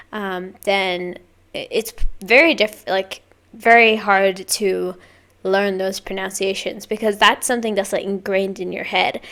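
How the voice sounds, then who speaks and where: Chatty woman, native Swedish speaker, mid-pitched. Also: fairly bright tone. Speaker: reaction video commentator. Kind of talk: casual reaction commentary.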